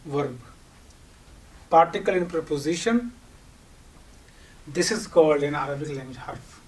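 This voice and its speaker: The teacher's voice is slightly high and slightly mellow. A native Urdu speaker with a Pakistani accent, he delivers an explanatory lecture of self-posed questions and answers, recorded from a distance with noticeable background sound.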